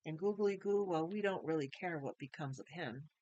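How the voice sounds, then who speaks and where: Brief: woman storyteller, fairly low voice, dry close sound, reads a children's chapter book and talks to her listeners. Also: normal speed, no room sound, muffled recording. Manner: warm, chatty asides to listeners. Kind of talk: reading a children's book aloud.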